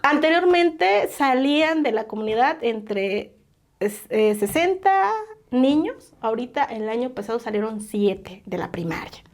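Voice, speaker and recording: This podcast guest, a woman from coastal Oaxaca in Mexico, has a slightly high, expressive voice and a measured pace. The interview is a relaxed conversation. She's sincere, fills her speech with fillers, and often ends with tag questions.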